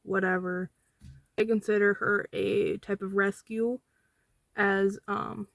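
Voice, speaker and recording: Young female vlogger, mid-pitched, indignant and argumentative, casual delivery, very dry close recording. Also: flat delivery, slow, creaky, dry recording. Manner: indignant, argumentative, counts off points. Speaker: vlogger with a service dog. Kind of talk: casual commentary replying to online comments.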